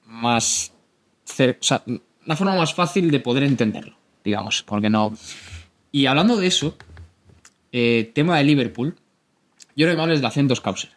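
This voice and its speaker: Guy hosting a football chat, easy conversational tone, mid pitch. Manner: conversational, agreeing readily. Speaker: host. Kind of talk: casual interview chat.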